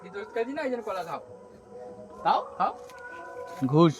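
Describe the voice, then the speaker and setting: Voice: medium pitch, very animated, moderate pace, music in the background. A family member with a Kolkata Bengali accent, urging an animal to eat in casual vlog chatter.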